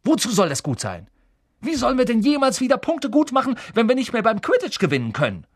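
Man voicing an outraged young team captain, thundering, high-pitched, fast, loud, audiobook character, dry recording. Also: huge pitch swings, no echo, full character voice. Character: furious young male sports team captain.

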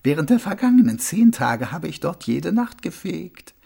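A man voicing a calm, wry old monk sweeper who speaks slowly and soothingly, in an audiobook character voice. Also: fairly high pitch, creaky, husky, pitched above the performer's own voice, full character voice. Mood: calm, amused. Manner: slow, gently amused, soothing.

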